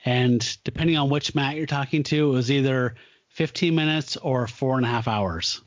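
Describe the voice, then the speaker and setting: A man's voice: medium pitch, moderate pace, no room sound, dull audio. A man hosting a casual podcast chat about a film, rambling loosely and laughing often. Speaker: podcast host.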